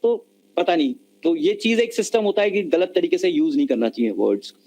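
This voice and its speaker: A man's voice: fairly high pitch, expressive, a little fast, dark tone, poor audio. A man giving an online lecture on communication skills, explaining patiently and mixing Hindi and mid-sentence over a video call. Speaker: webinar lecturer.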